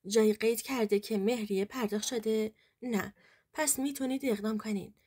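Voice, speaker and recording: A woman reading as a calm, scheming male lawyer. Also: on the high side, natural voice. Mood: persuasive. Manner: measured, reassuring advice.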